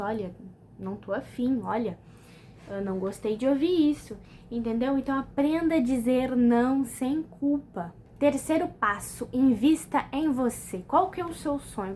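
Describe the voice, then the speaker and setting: A Brazilian woman vlogger talks straight to her viewers in a loose, motivational way, often pausing to ask if they follow. Her voice sits a little high, and there is a faint hiss behind it. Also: a little mellow. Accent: Brazilian Portuguese. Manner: conversational, repeats "entendeu?" often, restarts. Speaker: personal development vlogger. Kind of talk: casual motivational talk to camera.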